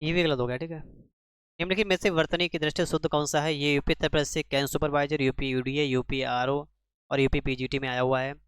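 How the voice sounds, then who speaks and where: This man's voice is a little high and fairly bright, with a flat, brisk delivery and a clean studio sound free of room noise. He runs a spelling lesson for exam preparation, asking the class rhetorical questions and echoing back every answer.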